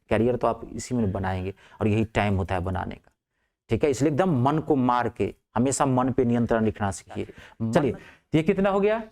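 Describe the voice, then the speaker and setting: A male math teacher. He explains geometry step by step, keeps asking whether things are clear, and drops his voice low to answer his own questions. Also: darkish tone. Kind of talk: lively classroom math lesson.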